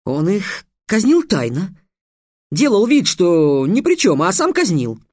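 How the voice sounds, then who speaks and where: Мужчина, читающий аудиокнигу, озвучивает юного ученика, робкого поначалу, а затем страстного и обличающего. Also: male voice, high voice, wildly swooping pitch, slow, a little mellow, no room sound, studio quality, pitched above the performer's own voice, full character voice. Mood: impassioned. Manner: timid at first, then impassioned and accusing. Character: young male apprentice, a nervous boy turned fiery orator. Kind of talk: audiobook character voice.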